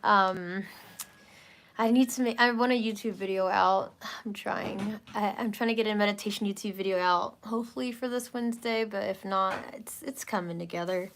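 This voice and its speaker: A woman hosting a wellness live stream, chatting casually and hesitantly with viewers, soft-spoken and relaxed, with many fillers. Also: medium pitch, moderate pace.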